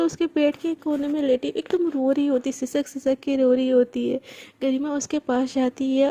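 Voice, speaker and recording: A woman storyteller retells a love story in a loose, chatty way. Her voice sits high but sounds soft and mellow. She strings events together with fillers and quick corrections. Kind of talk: casual spoken story narration.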